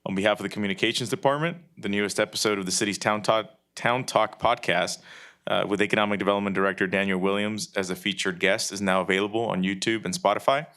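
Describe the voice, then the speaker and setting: A man reading city announcements to a council meeting in a steady, businesslike way. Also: lowish voice, fast talker. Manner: steady, businesslike, some fillers. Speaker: city staff member giving announcements.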